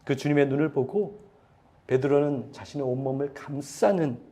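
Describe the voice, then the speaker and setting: Speaking at a moderate pace in a mellow voice on the high side, a man preaches a sermon as pastor. He addresses the congregation directly with deep feeling, asks them questions, and voices quoted pleas with mounting intensity.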